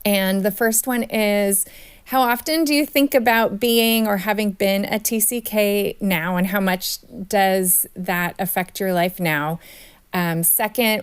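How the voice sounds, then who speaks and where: A woman's voice: mid-range voice, smooth. A woman hosting a podcast interview, attentive and putting questions to her guest. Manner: attentive, with many listening cues. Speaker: podcast host.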